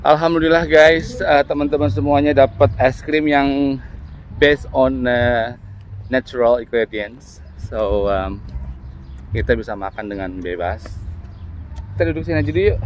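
A man's voice: mid-range voice, a little slow, slight background noise. A man in his thirties chatting to viewers in a casual travel vlog, filming himself at arm's length outdoors at a rest stop. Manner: chatty, addresses viewers as guys. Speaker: vlogger. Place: outdoors at a roadside rest area. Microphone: handheld camera at arm's length.

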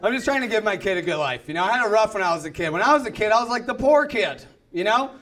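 A man in his thirties doing a stand-up comedy set in a club, ranting and breaking into yelled outbursts. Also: sits high, animated, fast. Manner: ranting, yells in acted outbursts. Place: comedy club stage with live audience. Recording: live club recording, audience laughter.

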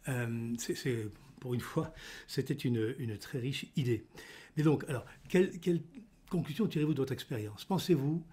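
A man's voice: medium pitch, warm tone, slightly rough. An older man hosting an interview, asking long formal questions with hesitant fillers, recorded on a desk studio microphone in an office. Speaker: podcast host, politician. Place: indoor office.

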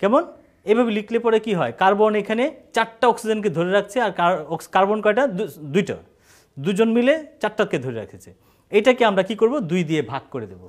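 A man's voice: sits high, animated, fairly quick. A male science teacher from Bangladesh giving an online class, asking the students questions and answering them himself, often stopping and restarting his words.

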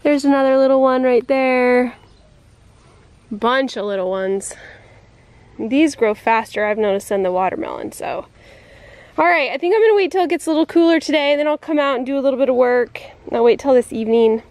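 A woman's voice: sits high, expressive, a little fast, darkish tone. A middle-aged woman, a mother and vlogger, chatting casually and playfully while filming around her farm home. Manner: chatty, playful, laughs often. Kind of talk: casual family vlog chat.

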